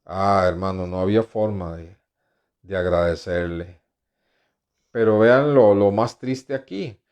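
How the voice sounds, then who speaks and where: A man's voice: low voice, unhurried, a little mellow, smooth. A male pastor preaching a sermon who reads scripture aloud, comments between the verses and keeps asking his listeners "right?". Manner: tags questions with "¿verdad?" and addresses listeners as brothers.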